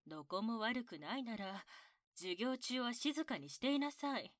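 A woman voicing a stern adult female teacher who scolds a student, slow and heard from further off. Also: on the high side, expressive, a bit bright, dry recording, clean studio sound.

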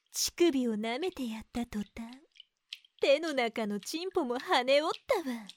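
A woman voicing a teasing, dominant woman with old-fashioned archaic speech, whispering slowly and playfully close to the mic in an ASMR roleplay. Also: high-pitched, animated. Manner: mocking, slow, playful.

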